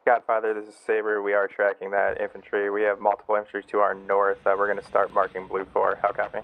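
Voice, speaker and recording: Gravelly man heard over a radio. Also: lowish voice, completely flat delivery. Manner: brisk, procedural radio reports. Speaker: unit leader calling in on the radio. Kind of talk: clipped military radio talk in a game. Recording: muffled radio transmission.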